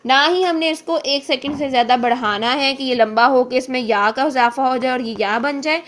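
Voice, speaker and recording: A woman teaching Quran reading, explaining patiently and slowing down to show each sound. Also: high-pitched, a bit bright, slight background noise. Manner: patient, repeats points, slows to demonstrate sounds. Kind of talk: explanatory lesson with recited examples.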